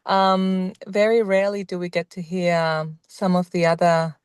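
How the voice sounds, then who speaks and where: A woman's voice: fairly low pitch, level tone, measured pace, darkish tone, clean tone, no echo, studio quality. A woman from El Salvador, a student in an online class, speaking in an earnest, reflective way.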